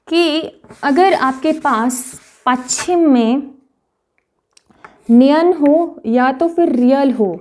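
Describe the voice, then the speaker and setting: High-pitched woman teaching Korean patiently. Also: darkish tone. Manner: patient, repeats practice words slowly, frequent "okay". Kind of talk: explanatory online lesson.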